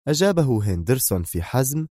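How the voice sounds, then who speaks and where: A man reading a spy novel aloud as narrator, in a steady, measured delivery. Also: mid-range voice, no room sound, studio quality. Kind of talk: scripted audiobook narration.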